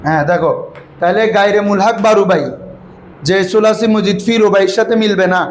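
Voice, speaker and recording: A man's voice: sits high, fast talker. A man teaching an Arabic grammar lesson to students, prompting them to repeat answers back in call-and-response style. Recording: echoey room with background noise.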